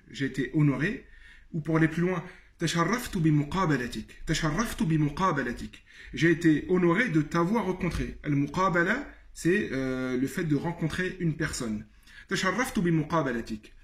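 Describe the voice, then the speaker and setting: A man giving a spoken language lesson, explaining calmly and repeating each phrase slowly with frequent pauses and hesitations. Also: a little high. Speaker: Arabic teacher.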